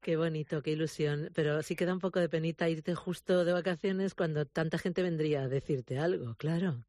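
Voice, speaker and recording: A man hosts a radio interview and asks friendly questions, often laughing. His voice sits a little higher than most men's. The sound is close and dry. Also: fairly even intonation, fairly quick, a little mellow, no room sound. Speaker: radio host.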